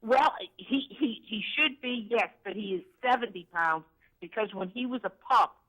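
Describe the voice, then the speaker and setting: A woman's voice: fairly high pitch, moderate pace, a bit bright, rough recording. A woman in her sixties calling in to a vet show, polite and a little hesitant, with frequent "uh" fillers. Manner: polite, hesitant, uses "uh" and "yes, sir". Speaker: caller.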